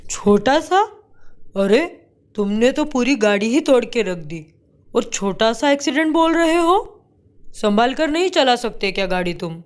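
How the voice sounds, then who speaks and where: A woman's voice: medium pitch, normal speed, natural voice. A woman voicing a short-tempered young husband in a cartoon story, scolding sharply. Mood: angry. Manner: angry, scolding.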